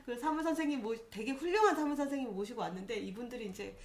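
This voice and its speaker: A woman who leads a theater troupe, chatting as a guest in an interview. She talks in an animated way, laughs often and acts out things she once said. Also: on the high side, quick pace, a crowd in the background. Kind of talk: casual interview chat.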